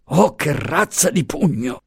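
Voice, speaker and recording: Male reader voicing a groaning, winded guard in an audiobook, pitched up, dry and close. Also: very animated, slow, vocal fry, a little mellow, husky, no echo, heavily acted. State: out of breath, groaning. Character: winded male border guard, grown man.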